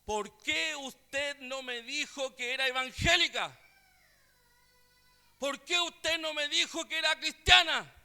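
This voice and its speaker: A man voicing an angry, desperate woman healer who makes shrill, demanding outbursts. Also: lively intonation, normal speed, bright, forceful tone. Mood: accusing.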